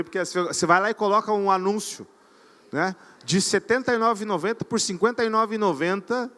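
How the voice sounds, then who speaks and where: A man giving an energetic live seminar talk on stage, often quizzing his audience. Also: sits high. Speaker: conference speaker. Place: event stage before an audience.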